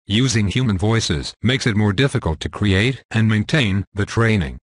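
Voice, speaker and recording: A man's synthetic text-to-speech voice, slightly robotic, reading scripted narration with crisp, formal diction. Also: on the low side, no echo, studio quality.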